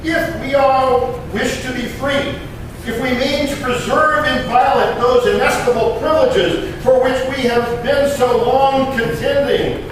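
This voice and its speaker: A man, a living historian, performs as an impassioned 18th-century American patriot statesman, orating in a high voice with a steady tone. The reading is defiant and rousing, declamatory and emphatic, with deliberate pauses. Captured on a distant mic in a historic courthouse room, the audio is very echoey and noisy.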